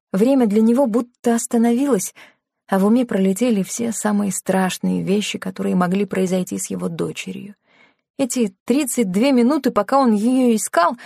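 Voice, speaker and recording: A woman's voice: mid-range voice, vocal fry, dark tone, slightly rough, no echo. Woman narrating a novel, dry studio. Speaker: audiobook narrator. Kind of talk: scripted narration.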